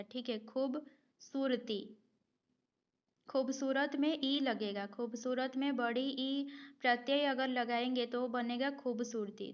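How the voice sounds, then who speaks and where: High-pitched woman teacher going thru spelling questions one by one, slow and steady, repeats each word, slightly dull audio. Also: smooth. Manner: methodical, repeats each word and checks with "ठीक है". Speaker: Hindi grammar teacher. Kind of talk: exam-prep lesson, going through multiple-choice spelling questions.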